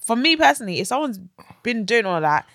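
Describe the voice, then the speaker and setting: A woman's voice: on the high side, big pitch swings, fast, fairly bright tone, no echo, clean studio sound. A young woman with a London accent chatting casually in a slangy, emphatic way. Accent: London, urban slang. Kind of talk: casual gossip and chat.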